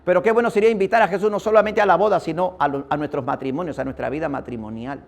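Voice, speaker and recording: A man's voice: fairly high pitch, very fast. A man preaching a sermon, telling a personal story and addressing his listeners as brother.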